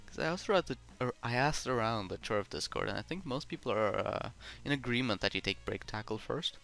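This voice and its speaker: A man co-hosting a casual podcast over a voice call, relaxed and a little hesitant, his failing headset making the audio choppy. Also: mid-range voice, brisk, gravelly, soft background music. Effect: glitchy choppy internet audio. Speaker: podcast co-host. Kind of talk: casual chat about a board game.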